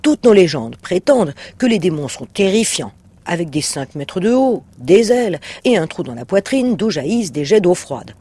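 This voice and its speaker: A man's voice: high-pitched, very animated, moderate pace, husky, full character voice. A man voicing a greedy, cunning red-scaled male demon in an audiobook reading, sly and blustering. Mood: scornful. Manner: sly, blustering, sometimes shouting.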